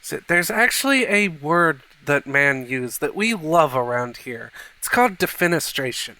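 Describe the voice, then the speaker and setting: A man voicing an exiled young male dog who speaks calmly and matter-of-factly. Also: a little high, normal speed, dry recording, heavily acted, rough recording. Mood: lecturing.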